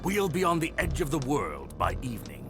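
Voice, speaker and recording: A man's voice: medium pitch, wildly swooping pitch, normal speed. A man voicing a scheming male wolf pack leader in a game, curt and contemptuous with his underlings. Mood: commanding. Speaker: villain. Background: game music.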